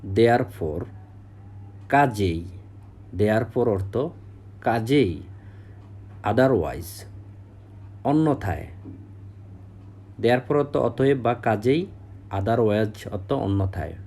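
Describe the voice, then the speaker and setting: A man with a Bengali accent teaching English vocabulary, saying each word, giving its meaning and repeating it slowly. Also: fairly low pitch, animated, dark tone. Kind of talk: slow vocabulary drill.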